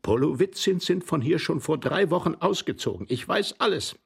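Flighty young lady, sugary and breathless, up high in the voice, a little gravelly, as a male reader puts her on. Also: lively intonation, moderate pace, fairly bright tone, heavily acted. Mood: urgent. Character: flighty quick-witted young married woman.

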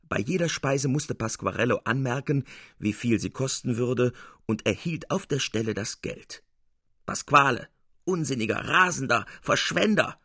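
A man narrating an audiobook in a measured, expressive reading. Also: mid-range voice, husky, dry recording, clean studio sound.

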